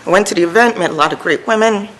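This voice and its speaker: A woman's voice: medium pitch, rapid-fire, fairly bright tone, a little hiss or hum, rough recording. A woman from New City, a returning adult student speaking candidly and with emphasis. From New York City. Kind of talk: interview testimonial.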